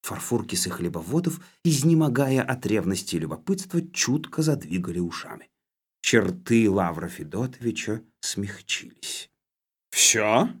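Expressive male audiobook narrator. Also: fairly low pitch, normal speed, husky. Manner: lively, expressive storytelling.

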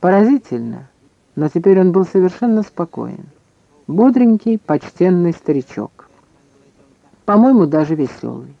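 A man reading an audiobook in measured, scripted narration. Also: sits high, very animated, vocal fry, no echo, lo-fi sound.

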